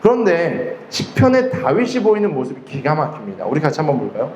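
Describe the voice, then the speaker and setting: A man's voice: on the high side, huge pitch swings, brisk, darkish tone, dull audio, a little hiss or hum. A male pastor preaching a sermon in a conversational way, often asking the congregation questions. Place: church hall. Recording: echoey hall with faint ambience.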